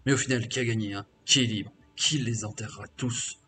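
A man's voice: medium pitch, fairly even intonation, a little fast, pushed and bright, close to an everyday voice. A man voicing a bitter, defiant male half-orc warrior mage who was once a slave, reading crude, scornful game dialogue aloud over faint game music.

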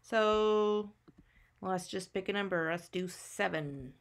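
Woman, primary maths teacher, unhurried, some vocal fry, simple question-and-answer phrasing, patiently teaching a child to count. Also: mid-range voice. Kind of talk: maths lesson narration for young children.

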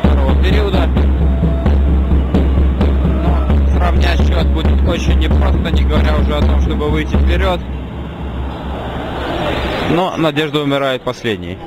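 Excited male hockey commentator, highish voice. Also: moderate pace, long pauses, highs cut off, over loud music. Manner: excited goal calls, voice rising with the play. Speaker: sports commentator. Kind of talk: live hockey play-by-play commentary.

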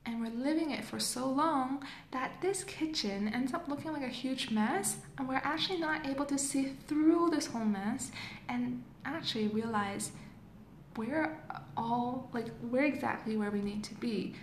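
A young woman life coach, from Hong Kong and raised in Canada, talks loosely and reflectively into a phone camera held at arm's length, using many fillers in a casual live video. Her voice sits high and moves at a moderate pace. Recorded in a small, plain indoor room, the sound is roomy with slight background noise.

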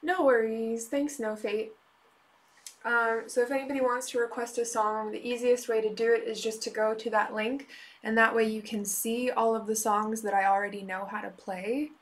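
A woman chatting casually on a live music stream, relaxed and unhurried, with frequent "um" pauses. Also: a little high. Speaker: live-stream musician taking song requests.

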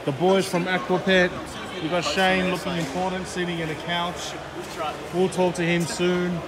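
Here a man with a high voice and little pitch movement walks an aquarium expo on a handheld gimbal camera, talking brightly and racing past the booths. Chatter echoes around the large, noisy indoor hall.

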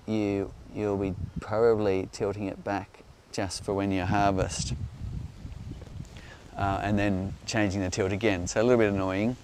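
A middle-aged Australian man explaining things off the cuff in a measured, halting way, recorded outdoors. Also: fairly low pitch, level tone. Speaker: beekeeper, presenter answering viewer questions. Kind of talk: unscripted explainer talk. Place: outdoors on an open grassy hillside. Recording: outdoor recording with loud background noise.

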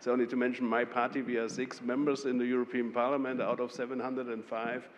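A man with a German accent, a member of parliament speaking on a panel in a measured way, with short laughs and restarts. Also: mid-range voice, little pitch movement, highs cut off, a little hiss or hum. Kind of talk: panel discussion. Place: conference hall. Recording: reverberant hall with faint ambience.

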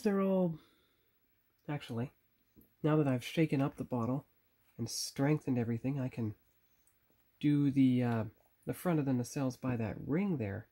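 A man with a mellow, slightly rough voice pitched a little high chats with viewers as he paints his model. He's a model builder and channel host, thinking aloud and correcting himself at a workbench, captured on a phone camera on a tripod.

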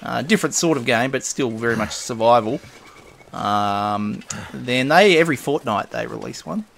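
Chatty gravelly man. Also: medium pitch, animated, normal speed, fairly bright tone, slight background noise. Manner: chatty, rambling, mutters item names and laughs to himself. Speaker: gaming video host. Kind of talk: casual gameplay commentary.

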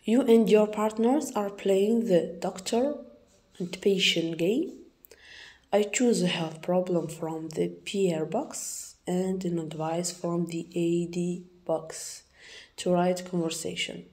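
A young woman teacher with an Algerian accent goes through an exam correction, slowly repeating each word to model its pronunciation. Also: on the low side, darkish tone. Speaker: English teacher.

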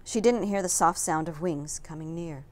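A woman's voice: fairly low pitch, moderate pace. A woman reading a children's picture book aloud as a storyteller, with careful phrasing and dramatic emphasis.

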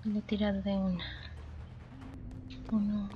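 A gaming channel host offers casual commentary on a horror game, murmuring to herself and slipping in English interjections. Her medium-pitched voice is flat and slow, and the lo-fi recording is clearly noisy, with game ambience and sounds behind her.

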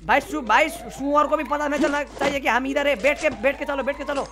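A man streaming a shooter game, giving hushed urgent commands to his squad, with a Hindi accent. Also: very high-pitched, fairly even intonation, brisk, noisy background. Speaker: gamer streamer. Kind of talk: live gameplay banter. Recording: loud gunfire game audio behind.

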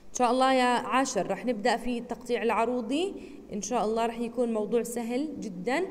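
A woman teacher with a Jordanian accent, giving a recorded lesson and drilling words slowly syllable by syllable. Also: on the high side, long reverb tail, slight background noise. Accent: Jordanian Arabic. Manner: slow, deliberate syllable-by-syllable drilling.

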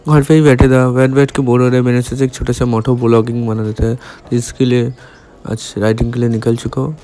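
A motovlogger in his twenties rides a motorbike down a village road, chatting informally to viewers and calling them guys. His medium-pitched, mellow voice is level and fairly quick, captured by a helmet-mounted camera outdoors with road noise and soft background music.

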